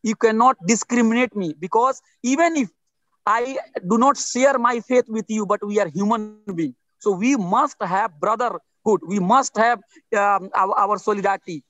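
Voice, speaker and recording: A man in his forties from Bihar, India, speaks with an Indian English accent as a guest on a video-call interview, sitting outdoors under trees. His voice is high and fairly bright at a normal pace, and he talks earnestly and emphatically, restarting sentences and repeating himself for emphasis. The recording is rough, with no room sound.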